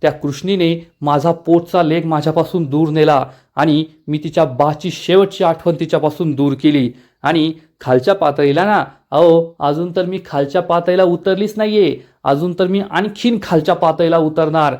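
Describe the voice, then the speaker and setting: A man's voice: on the high side, steady tone, moderate pace, a little mellow, close to an everyday voice. A man voicing a scheming, ruthless middle-aged village matriarch who talks defiantly. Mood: scheming defiance. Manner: defiant, threatening.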